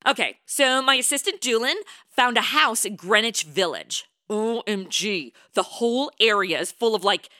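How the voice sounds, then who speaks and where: A woman's voice: fairly high pitch, animated, normal speed, sharp tone, no room sound, clean studio sound. An actress playing a flippant modern young American woman stranded in the past, in a comedy audio drama. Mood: chatty.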